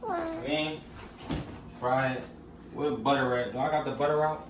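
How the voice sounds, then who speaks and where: A man's voice: medium pitch, huge pitch swings, normal speed, roomy sound, far from the mic, noisy background. A young man chatting casually in his home kitchen as he cooks for his family, laid-back and slangy, often asking "you feel me?". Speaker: vlogger cooking for his family. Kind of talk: casual cooking vlog chat.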